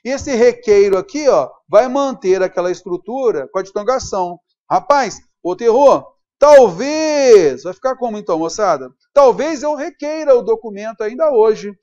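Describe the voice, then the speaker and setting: A man's voice: high voice, animated, moderate pace, warm tone. A man with a Brazilian Portuguese accent teaching a grammar lesson at a whiteboard, upbeat and checking in with his students. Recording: dull lo-fi recording.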